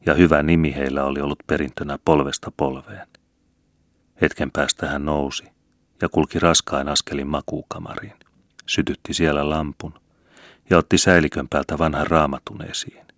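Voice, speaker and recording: A man reading a novel aloud as audiobook narrator, measured and steady, on a close mic. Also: a bass voice, no echo. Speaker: audiobook reader. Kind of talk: scripted narration.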